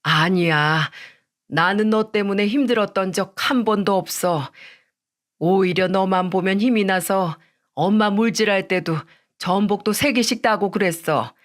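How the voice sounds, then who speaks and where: A woman's voice: medium pitch, measured pace, lightly acted. A woman voicing a tough widowed sea-diver mother, fierce and scolding in defence of her son. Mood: tender.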